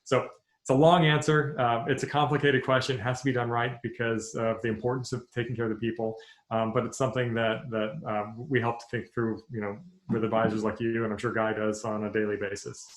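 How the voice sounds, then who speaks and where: A man's voice: mid-range voice, flat delivery, brisk, roomy sound. A man on a webinar panel, answering at length as a deal advisor, full of ums and restarts and eager to explain. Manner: enthusiastic, many ums and restarts.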